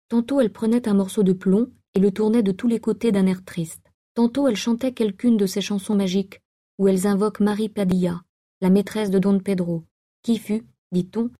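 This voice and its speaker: A woman narrating a classic novel aloud in a measured, even reading style. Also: mid-range voice. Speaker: audiobook reader. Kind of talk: literary audiobook narration.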